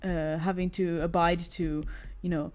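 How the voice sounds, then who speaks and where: A woman's voice: on the low side, flat delivery, unhurried, a little mellow. A young woman streaming as she draws, chatting casually in a rambling way with many fillers, stammered restarts and frequent laughs. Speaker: artist streaming while drawing. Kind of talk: casual chat while drawing.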